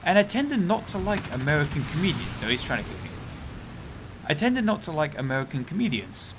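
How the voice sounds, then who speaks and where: A man's voice: on the high side, big pitch swings, brisk, background noise. A young man streaming a game, rambling chattily through casual commentary and breaking off to react to the match. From United Kingdom.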